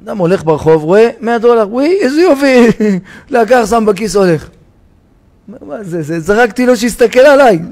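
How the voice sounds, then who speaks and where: A rabbi delivers a sermon in a synagogue with a fairly high voice. He acts out his parables with rising cries and sudden drops to a hush. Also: lively intonation. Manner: dramatic storytelling, shouting the parable's cries for help.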